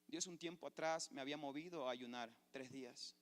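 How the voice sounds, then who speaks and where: Preaching fervently, this pastor tells a personal testimony in storytelling fashion from the church sanctuary. The hall's echo surrounds his mid-range voice, which runs fairly quick.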